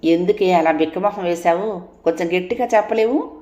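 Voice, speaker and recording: A woman voicing a bold, talkative young wife who scolds and teases in a quick, playfully bossy way. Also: lowish voice, dark tone, natural voice. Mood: scolding. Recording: roomy echo.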